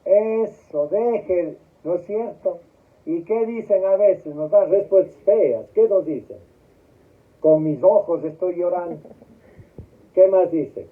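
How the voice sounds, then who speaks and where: Slow, high-voiced priest on a tinny line. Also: male voice. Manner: asks the congregation questions and lets them answer. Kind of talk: memorial homily. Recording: tinny phone-like sound.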